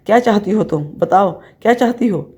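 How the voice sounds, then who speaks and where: A woman's voice: mid-range voice, expressive, mellow, close to an everyday voice. A woman voicing a stern, cold husband. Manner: cold, curt. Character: stern angry husband, man, middle-aged.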